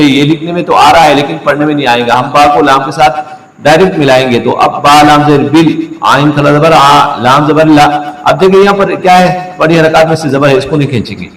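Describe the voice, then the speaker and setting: A man teaching Quran reading rules at a board, explaining patiently step by step and slowly chanting each word. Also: fairly high pitch. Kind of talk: tajweed lesson at a board. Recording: echoey room, mic at a distance.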